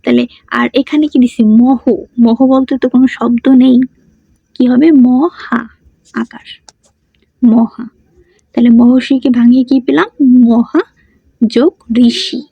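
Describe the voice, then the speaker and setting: A woman's voice: high voice, unhurried, vocal fry, long pauses, slightly rough, no room sound. A woman teaching a grammar lesson. She asks questions and answers them herself, and she repeats the key words. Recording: dull muffled sound, dry.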